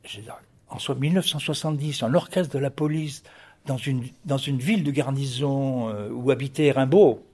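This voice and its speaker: A man's voice: medium pitch, normal speed, a little mellow, slightly rough. A man over fifty, a guest in an interview, speaking with passion while often stumbling and repeating his words. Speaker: guest, record producer and music writer. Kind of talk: radio interview.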